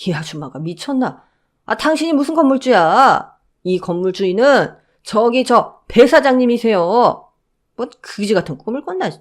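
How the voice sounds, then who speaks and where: A woman's voice: fairly high pitch, animated, normal speed, lightly acted. A woman voicing a blunt male security guard who mocks and dismisses an intruder. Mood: dismissive. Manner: dismissive, gruff, sarcastic.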